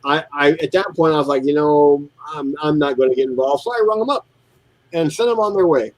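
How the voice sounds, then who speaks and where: A man's voice: on the high side, a little fast, dry recording, rough recording. A middle-aged man telling shop stories in a casual chat while building models and mimicking his customers. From United States. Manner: animated storyteller, mimics customers. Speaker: co-host.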